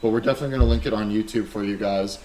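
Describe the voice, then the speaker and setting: Animated joking podcast host, a man. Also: on the low side, racing, slight background noise, rough recording. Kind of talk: casual chat.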